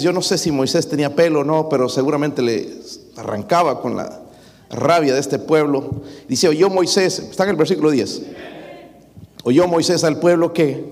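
Male pastor, higher voice, animated sermon with acted-out quotes, church hall reverb. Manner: lively preaching, dramatic quoted voices, addresses congregation as brothers.

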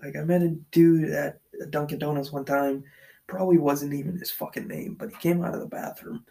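Hosting his own podcast, a man walks back and forth in a basement and talks briskly in a loose, profane, filler-heavy ramble. His warm, higher-pitched voice has vocal fry and fairly even intonation, captured at uneven levels by an extension-wired mic.

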